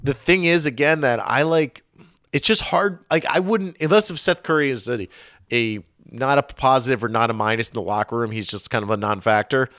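Guy cohosting a sports podcast, mid voice, thinking out loud, dry close sound. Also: medium pitch, a little fast, no echo. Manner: conversational, thinking aloud with fillers. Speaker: podcast co-host. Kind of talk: casual sports podcast chat.

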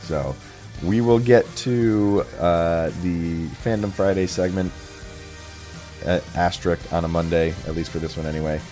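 A man hosting a casual sports podcast, his voice deep and hoarse from a chest cold, speaking haltingly with pauses. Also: steady tone, mellow, soft background music. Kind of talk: casual solo sports commentary and interviewing.

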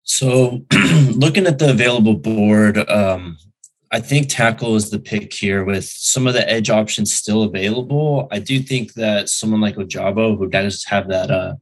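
A man working as a sports analyst, explaining his reasoning in a measured, conversational way. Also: on the low side, low-quality recording.

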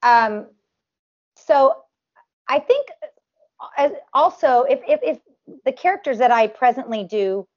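Speaking slowly and pausing often, a woman with a high, nasal voice swings widely in pitch as she talks. She's a tribute performer giving a casual interview, going on at length with frequent restarts and fillers, all captured on dull audio.

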